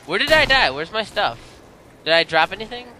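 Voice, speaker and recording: A young man hosting a casual let's play, rambling excitably with lots of fillers. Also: high-pitched, fairly quick, background noise. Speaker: gaming channel host. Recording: game audio with gunfire over the voice. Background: gunfire.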